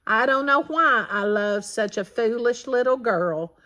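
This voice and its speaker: A woman voicing a gentle, teasing old grandfather in a storybook read-aloud. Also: a little high, a little slow, lo-fi sound, pitched above the performer's own voice. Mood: fond.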